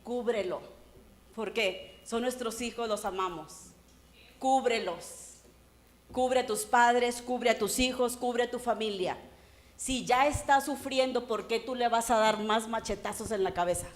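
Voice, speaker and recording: A woman pastor preaches in church, her voice a little higher than most. She delivers her sermon in an animated way and slips into the voices of the people she quotes. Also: measured pace.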